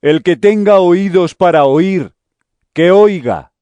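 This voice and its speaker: An actor playing Jesus as a calm, authoritative teacher, speaking solemnly and deliberately in a dramatized audio Bible. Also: male voice, high-pitched, no room sound, muffled recording. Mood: earnest teaching. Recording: music under the voice.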